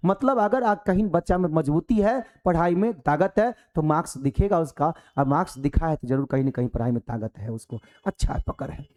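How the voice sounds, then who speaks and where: A male teacher giving a lively classroom lecture, animated and preachy, full of rhetorical questions. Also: a little high, brisk, hardly any pauses.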